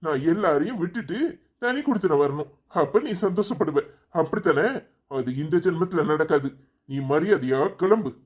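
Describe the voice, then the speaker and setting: A stubborn, angry young husband in a cartoon story, played by a man. His voice is husky and sits a little high, and he scolds in a harsh, dismissive tone. He sends his wife away without softening. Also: lively intonation, moderate pace.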